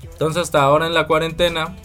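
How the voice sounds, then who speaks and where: A man's voice: fairly high pitch, flat delivery, sharp tone. Young guy from mexico city explaining his music business, earnest, faint music under. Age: 20s. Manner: earnest, explanatory, slow in places. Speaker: guest, concert promoter and singer. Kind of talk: interview answers.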